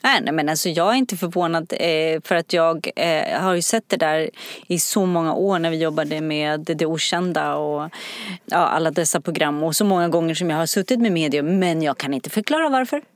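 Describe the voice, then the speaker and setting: A woman's voice: low voice, no echo, clean studio sound. A woman chatting casually as a podcast co-host, earnest and emphatic in how she talks. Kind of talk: casual chat.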